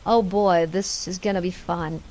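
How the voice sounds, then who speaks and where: A woman's voice: lowish voice, fairly even intonation, measured pace, a little mellow, lightly acted, poor audio. A woman narrator voicing a taunting, menacing masked male stalker. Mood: gloating.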